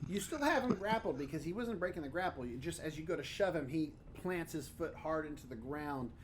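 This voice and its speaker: A man's voice: on the high side, animated, a little fast. A man speaking as dungeon master, explaining and narrating a tabletop game in an informal, casual way. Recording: faint background noise.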